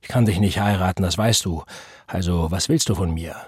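A man's voice: deep voice, fairly quick, a little mellow, breathy edge, no echo, clean studio sound. A man reading the part of an angry, self-righteous preacher who speaks in an indignant, defensive and scornful way.

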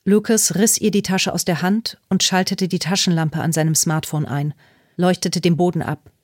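A woman narrating a novel in a calm, measured way. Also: on the low side, no room sound, studio quality. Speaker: audiobook narrator. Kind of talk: scripted narration.

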